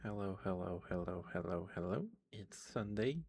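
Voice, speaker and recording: A man speaking softly in a casual ASMR style, reading and chatting, with a tired, worn-out voice. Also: normal speed, a little hiss or hum. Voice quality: low, creaky voice. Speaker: ASMR host reading aloud. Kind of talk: soft-spoken ASMR reading and chat.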